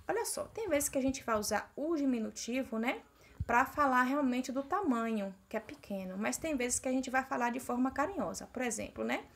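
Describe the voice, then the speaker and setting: A woman's voice: a little high, gravelly. A young adult Brazilian woman teacher with a Brazilian Portuguese accent, explaining a grammar lesson in a recorded video class and checking in with "né?". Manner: explanatory, repeats "né?" to check understanding.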